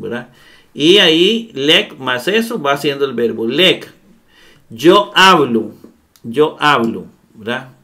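A man's voice: on the high side, a bit bright. A man giving a recorded grammar lesson, explaining patiently step by step and often checking in with his students. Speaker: Greek grammar teacher.

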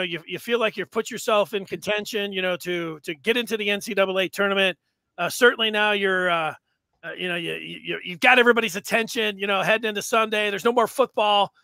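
A high, bright-voiced man in his thirties talks sports on a headset mic from his home room. His sound is dry and close. He rambles excitedly, full of fillers. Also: dry recording. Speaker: podcast host. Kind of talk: casual sports chat. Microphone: headset mic on video call.

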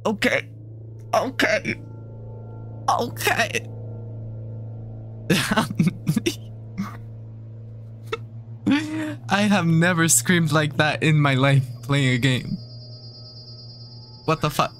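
A man's voice: fairly high pitch, slow pace, pauses often, fairly bright tone, faint music behind. A man streaming a horror game with casual commentary, scared and jumpy, with campy, sassy slang and dramatic reactions. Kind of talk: casual let's play commentary.

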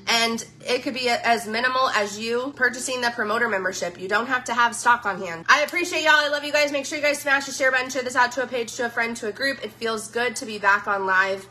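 Woman, bright tense voice, somewhat high, casual live-stream chat, gushing and chatty. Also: fairly even intonation, fast, hardly any pauses. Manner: gushing, chatty, says "y'all". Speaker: social media influencer.

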